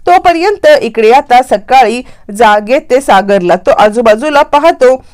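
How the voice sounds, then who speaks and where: A woman's voice: a little high, lively intonation, measured pace, darkish tone. Dramatic woman storyteller. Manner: acts out characters' lines in her own voice. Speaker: storyteller recapping a TV serial.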